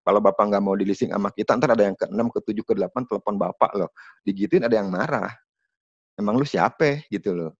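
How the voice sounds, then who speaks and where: A man running an online sales training from home, explaining in a lively, chatty way and talking straight to the participants. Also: lowish voice, quick pace, slightly rough. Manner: lively, chatty, addresses participants as Bapak Ibu. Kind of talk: online training talk over video call. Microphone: video call. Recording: dull, dry video-call audio.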